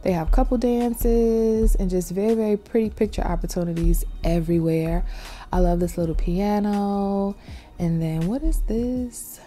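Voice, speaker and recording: A woman giving a relaxed, chatty voice-over tour while she plays, with soft music behind. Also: mid-range voice, unhurried. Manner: relaxed, chatty, lots of "little" and "like". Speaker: vlogger touring a virtual world. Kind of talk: casual narrated tour.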